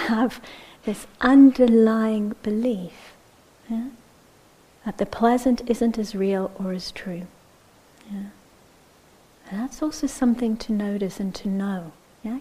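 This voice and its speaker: On a low-quality recording, a woman with a fairly high voice leads a dharma talk as a meditation teacher, gentle and unhurried. She keeps checking in with "yeah?" and sometimes lowers her voice nearly to a whisper.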